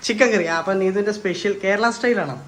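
Fast-talking rambling man vlogging at home. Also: sits high, fairly bright tone. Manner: rambling and talkative, mixes in English words. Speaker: family vlogger filming his partner cooking. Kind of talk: casual chatty home vlog. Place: home kitchen.

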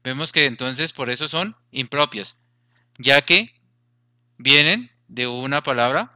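A man's voice: medium pitch, unhurried, sharp tone, clear, resonant tone, no echo. A man teaching a grammar lesson, explaining patiently, repeating points and checking that students follow.

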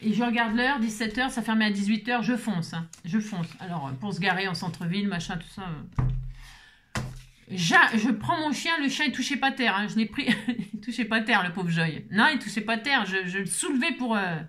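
A middle-aged woman hosting a crafting channel, telling stories in a casual, lively way with lots of fillers. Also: mid-range voice, moderate pace. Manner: lively, animated storyteller with many fillers. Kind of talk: casual chatty vlog storytelling.

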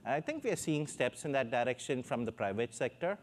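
On stage in front of a backdrop, a panelist with an Indian accent talks into a lapel mic, animated and brisk in a medium-pitched voice, with a little hiss or hum on the audio. He hesitates a lot, fills pauses heavily and gestures while speaking.

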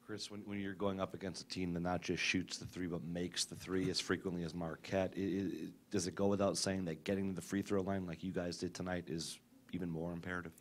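Deep, monotone male reporter. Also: a little fast. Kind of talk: press conference question.

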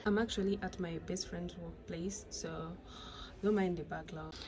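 With a Rwandan accent, a young adult woman chats casually into a phone camera for her vlog, her voice lowish, darkish and steady at a moderate pace. The small indoor rooms lend an echo, and there's faint background noise.

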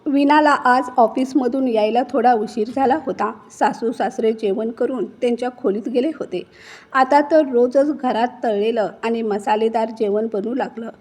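A woman narrating a written story with a steady, expressive reading. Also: on the high side, moderate pace.

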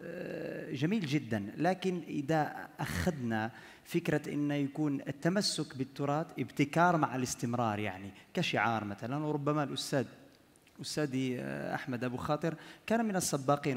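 A man's voice: mid-range voice, fast, vocal fry. A young man from Morocco, a panel guest who speaks hesitantly with many fillers. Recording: long hall reverb.

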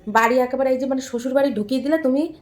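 Bengali home vlogger woman, chatty. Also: racing. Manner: lively with her husband, then hushed and low near a sleeping child. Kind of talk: casual home vlog chat. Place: bedroom at home at night.

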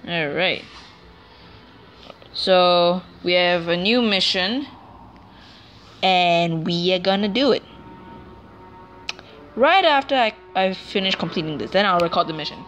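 A woman's voice: on the low side, animated, slow, long pauses, a bit bright, muffled recording, soft background music. A woman giving casual, rambling commentary over a video game let's play, often correcting herself as she talks. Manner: chatty, rambling, self-correcting.

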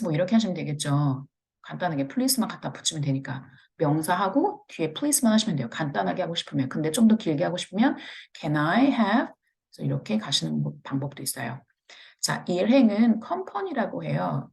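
Low, gravelly Korean woman teaching English. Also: very animated, darkish tone. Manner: slow, drawn-out model phrases with step-by-step explanations. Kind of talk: pronunciation lesson.

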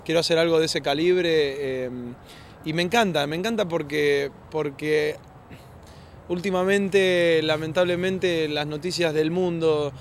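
A man's voice: a little high, steady tone, a little slow. Argentine-accented male actor, thoughtful interview answers, light city noise outdoors. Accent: Argentine Spanish. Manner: earnest, reflective, many restarts and tag questions.

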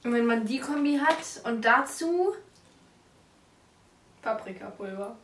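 High-voiced, disgusted young woman in a roomy recording. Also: measured pace. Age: 20s. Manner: expressive, complaining in disgust. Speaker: food challenge vlogger. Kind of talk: casual chat. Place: living room on a couch. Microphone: camera a step or two away. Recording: roomy, distant mic, loud noise, clatter.

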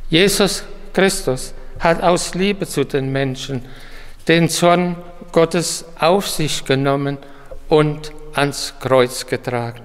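A man preaching a short devotional sermon in a slow, solemn manner. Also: fairly high pitch, smooth. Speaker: pastor. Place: church. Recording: long church reverb.

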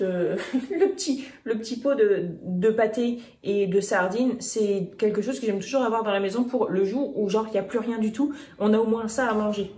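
A woman's voice: fairly high pitch, darkish tone. Chatty woman in an echoey room. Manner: chatty, many restarts and fillers. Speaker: vlogger. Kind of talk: casual grocery haul chat. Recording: echoey room, faint noise.

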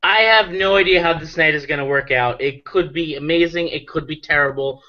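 A man's voice: a little high, a little fast. A drunk man hosting a casual chat, rambling with loose restarts. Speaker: host. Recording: dull lo-fi sound.

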